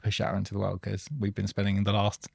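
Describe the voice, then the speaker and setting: A man's voice: lowish voice, completely flat delivery, fast, gravelly, husky, dry recording. A man co-hosting a podcast in a studio, chatting casually and enthusiastically, often breaking off and restarting his sentences. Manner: enthusiastic, rambling, self-interrupting. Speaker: podcast co-host. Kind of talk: casual chat.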